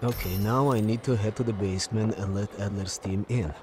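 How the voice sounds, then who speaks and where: A man's voice: on the low side, fairly even intonation, brisk, reverberant, close to an everyday voice. A man playing a guarded, businesslike Soviet intelligence officer in a video game. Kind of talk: video game drama acting. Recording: noisy game ambience behind.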